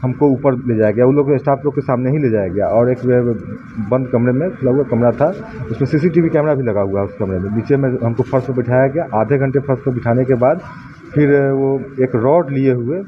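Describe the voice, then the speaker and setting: Man giving halting testimony. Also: medium pitch, muffled recording, background noise. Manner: halting, recounting, frequent fillers. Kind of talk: interview testimony.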